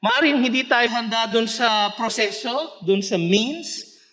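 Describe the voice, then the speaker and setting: Man, Filipino accent, pastor, sermon, high voice, switches into English quotes. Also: slow pace. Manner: preaching in Tagalog mixed with English scripture, rising to shouts. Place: church.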